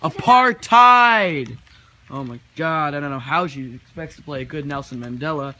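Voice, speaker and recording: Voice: mid-range voice, steady tone, fairly quick, pushed and bright. A young speaker giving sarcastic commentary on a school skit.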